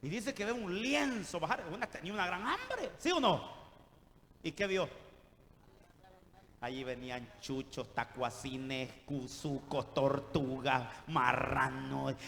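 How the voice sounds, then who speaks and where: A man from El Salvador with a Salvadoran Spanish accent, preaching an animated, jokey sermon and calling his listeners brother. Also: mid-range voice, slow, vocal fry, in a large hall, slight background noise.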